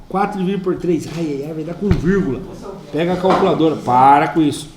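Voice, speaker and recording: A Brazilian man teaching math to a class, playful and chatty, asking students questions as he works problems. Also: sits high. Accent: Brazilian Portuguese. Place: school classroom. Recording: echoey classroom.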